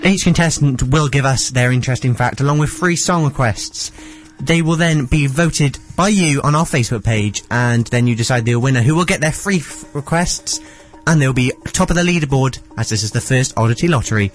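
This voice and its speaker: A man's voice: mid-range voice, brisk, few pauses, soft background music. A man hosting a radio show in a chatty, enthusiastic way.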